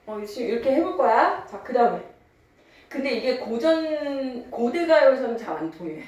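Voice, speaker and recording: Young woman teacher, chatty n teasing, kinda high voice, echoey room, mic far off. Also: warm tone. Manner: chatty, mixes casual and polite speech, teasing students. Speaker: Korean literature teacher. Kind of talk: online lecture.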